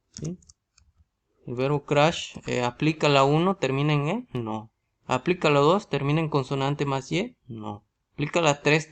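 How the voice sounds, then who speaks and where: Male teacher with a Mexican Spanish accent, mid-pitched and gravelly, walks through rules with constant "¿sí?" check-ins. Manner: asks rhetorical questions, often adds a tag "¿sí?". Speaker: English teacher. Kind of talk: explaining grammar in a video lesson.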